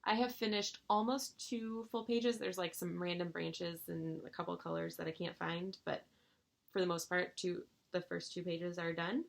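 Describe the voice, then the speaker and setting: A woman chatting casually to her viewers about her stitching, gushing with excitable bursts and rambling restarts. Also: fairly low pitch, normal speed, vocal fry. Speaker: cross-stitch vlogger.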